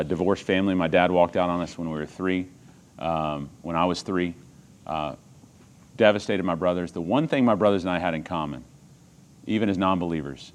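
A middle-aged man from Texas, preaching a sermon as personal storytelling, earnest and moving from hushed lines to loud, emphatic ones. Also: deep voice.

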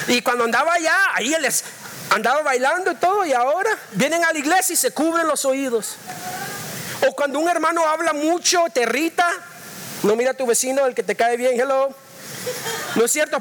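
A pastor preaching a fervent sermon in church, mixing in English phrases and often telling the congregation to listen closely. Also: male voice, extremely high pitch, a bit bright, slight background noise. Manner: repeats "listen to me well" to the congregation.

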